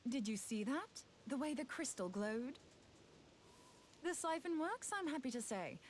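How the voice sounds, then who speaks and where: A woman's voice: high voice, expressive, unhurried, a little hiss or hum. A woman playing a plucky, wry female scholar in a video game, speaking in a chatty, informal way. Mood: determined. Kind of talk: scripted video game voice acting.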